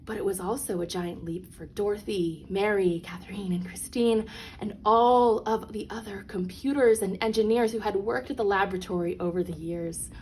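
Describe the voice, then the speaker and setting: A woman with a medium-pitched, steady, slightly mellow voice reads a children's picture book aloud at a moderate pace. She performs it like a storyteller, expressive and dramatic on the key phrases. The recording is clean, with no background noise.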